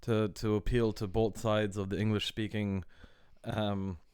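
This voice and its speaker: A man's voice: on the low side, level tone, measured pace, darkish tone, clear, resonant tone, no echo, clean studio sound. A man in his thirties with an accent halfway between west of Ireland and American, chatting casually on a podcast. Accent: blend of west of Ireland and American. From United States and west of Ireland. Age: 30s. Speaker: podcast host. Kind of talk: casual chat.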